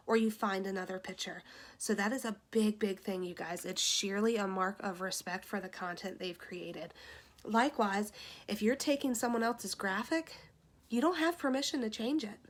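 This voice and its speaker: A woman giving a casual tutorial on making social media graphics, chatting to viewers through a phone in her room. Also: medium pitch. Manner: chatty, addresses viewers as you guys and y'all. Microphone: phone camera pointed at ceiling.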